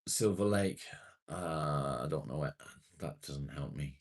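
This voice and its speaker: Chatting casually with his livestream audience and reading their comments, a man in his forties swears occasionally and keeps things matey. His voice is extremely low and a little slow.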